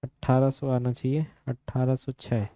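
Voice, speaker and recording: A man teaching an exam-prep history lesson, quizzing students with quick questions and memory tricks. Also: mid-range voice, level tone, dark tone, no echo, clean studio sound.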